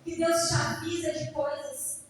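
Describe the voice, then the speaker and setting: A woman's voice: very high voice, unhurried. A middle-aged Brazilian woman preaching a sermon, calling out to her congregation and singing out some phrases. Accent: Brazilian Portuguese. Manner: animated, calls out to the congregation, sings out phrases. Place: church hall. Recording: echoey hall, distant mic, faint noise.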